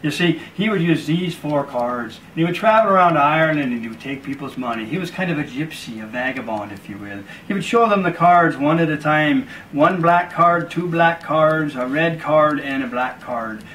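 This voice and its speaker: Man, magician, storytelling patter, slow and deliberate, slightly high voice, a bit off-mic. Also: lively intonation, fairly bright tone, far from the mic, slight background noise, rough recording. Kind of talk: storytelling card trick patter.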